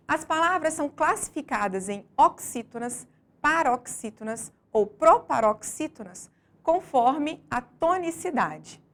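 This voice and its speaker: Woman teacher reading a lesson, kinda high voice, slow, stresses every syllable. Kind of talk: scripted lesson narration.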